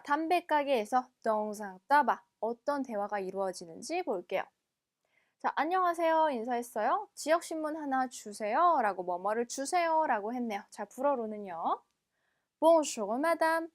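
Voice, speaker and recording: A woman with a high voice leads a textbook French lesson. She explains each phrase patiently. She reads the French aloud slowly and clearly, often twice. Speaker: French teacher.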